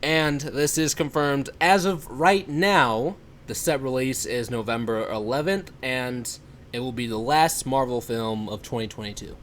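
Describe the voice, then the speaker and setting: A man's voice: mid-range voice, unhurried, a bit bright, slight background noise. A man in his twenties co-hosting a casual podcast, rambling with lots of fillers and laughing often. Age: 20s. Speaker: podcast co-host.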